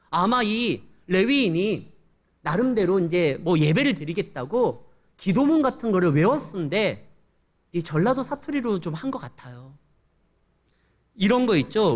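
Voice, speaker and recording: A male pastor giving a conversational sermon with storytelling and humorous asides. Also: sits high.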